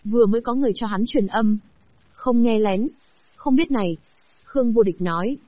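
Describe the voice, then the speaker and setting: Synthetic female narrator for a fantasy audiobook; steady machine read, slightly high voice, dry close sound. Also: moderate pace, no echo, lo-fi sound.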